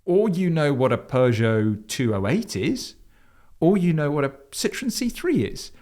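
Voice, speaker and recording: A man's voice: on the high side, big pitch swings, a little slow, a little mellow. A man from Surrey with a southern Surrey, Home Counties English accent, co-hosting a casual podcast chat about cars. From southern Surrey, England. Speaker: podcast co-host.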